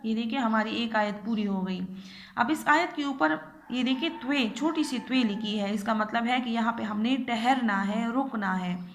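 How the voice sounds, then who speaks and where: A woman teacher, giving a recorded lesson to young children and repeating each phrase slowly and patiently. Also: on the high side.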